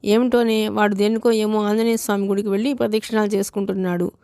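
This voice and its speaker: A woman reading the part of a mild, resigned older grandmother, in a clear, even voice. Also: medium pitch, fast, dry recording, clean studio sound, lightly acted.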